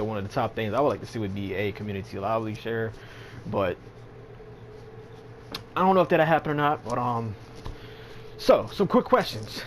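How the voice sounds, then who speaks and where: A gaming channel host gives casual, rambling commentary on a game update, sleepy and yawning, with lots of fillers and slang. His voice is fairly low, with slight background noise.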